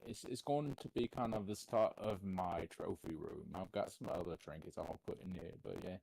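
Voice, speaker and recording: A man's voice: deep voice, moderate pace, gravelly, a little mellow, husky, no echo, low-quality recording. A man playing a tabletop game in character, talking casually with some stammering. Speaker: player.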